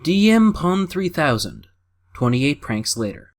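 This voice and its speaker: A man hosting a video review compilation, announcing each entry in a lively, emphatic way. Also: fairly high pitch, a little slow. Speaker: host announcing entries. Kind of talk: announcing names.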